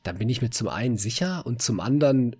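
Husky young man telling stories. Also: mid-range voice, fast. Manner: lively storyteller who laughs often. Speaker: podcast co-host, medical student. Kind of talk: casual chat, telling anecdotes.

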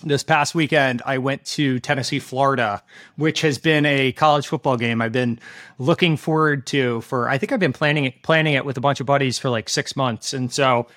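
A man hosting a casual podcast chat, his voice hoarse and worn out as if from yelling at a game, talking in a rambling, stop-start way. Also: medium pitch, fairly even intonation, moderate pace. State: hoarse, worn-out voice after a weekend at a football game. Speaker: podcast host.

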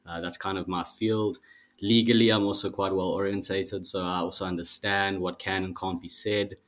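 Deep-voiced young man. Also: little pitch movement, moderate pace, fairly bright tone. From South Africa. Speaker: guest, project team member. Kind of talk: casual podcast interview.

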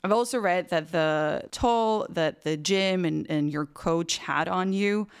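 A woman therapist asks gentle, supportive questions at a measured pace. Her voice is smooth and clear. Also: on the low side. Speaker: interviewer, therapist.

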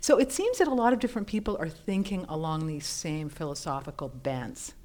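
A woman's voice: deep voice, animated, fairly quick, darkish tone. Chatty, enthusiastic woman. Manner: enthusiastic, chatty, many fillers. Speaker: co-host presenting news items. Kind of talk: casual chat.

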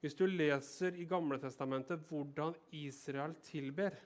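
A man preaching a sermon with a slightly raised voice. He reads the scripture passage first, then shifts into a chatty explanation and keeps asking the congregation whether they follow him. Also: a little high. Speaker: pastor.

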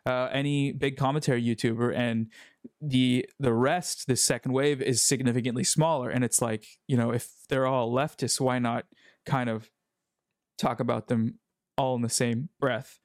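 A man's voice: mid-range voice, steady tone, normal speed, dry recording. Rambling man in dry close sound. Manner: rambling, many fillers and restarts. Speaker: YouTube commentator. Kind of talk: casual conversation.

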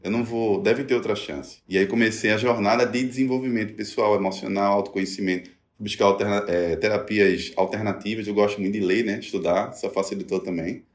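A man's voice: fairly low pitch, brisk, few pauses. A middle-aged man, telling his personal story in a conversation and acting out the voices he quotes. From Brazil. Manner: animated, acts out quoted voices. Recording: echoey room.

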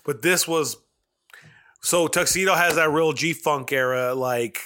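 A man's voice: fairly high pitch, takes it slowly, noisy background. A man co-hosting a podcast, telling stories in a laid-back, slangy way with lots of swearing. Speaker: podcast co-host. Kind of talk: casual chat.

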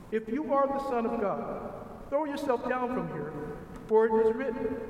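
A man solemnly proclaiming a Gospel reading in a measured, formal way, with cathedral echo. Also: high-pitched. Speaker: clergy reader of the Gospel. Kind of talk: solemn liturgical scripture reading. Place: large echoing church. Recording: cathedral echo, long reverb, clear background noise.

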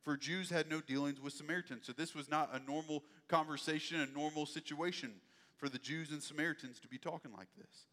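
A man's voice: on the high side, fairly even intonation, brisk, bright, forceful tone. Man preaching in a reverberant hall. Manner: conversational, folksy asides. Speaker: pastor. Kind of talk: sermon.

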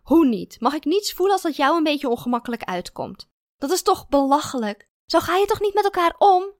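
A woman's voice: sits high, sing-song, normal speed, no echo, clean studio sound, voice pushed up. Woman doing a whiny, clingy girlfriend. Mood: angry. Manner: whining, pleading, then sobbing with anger. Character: whiny, clingy young woman, quick to feel hurt.

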